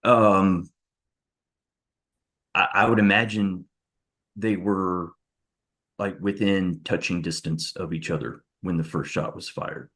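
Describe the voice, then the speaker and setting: A man's voice: low voice, fairly even intonation, slow pace, pauses often, a bit bright. A man giving courtroom testimony as a witness, walking through events in a careful, methodical, step-by-step way. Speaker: witness on the stand.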